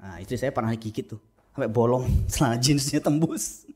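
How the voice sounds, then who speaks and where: A middle-aged man, a pastor, preaching a humorous sermon in a church, telling stories with lively acted-out quotes. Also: medium pitch, brisk, breathy edge. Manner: animated storytelling with acted-out quotes. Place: church sanctuary.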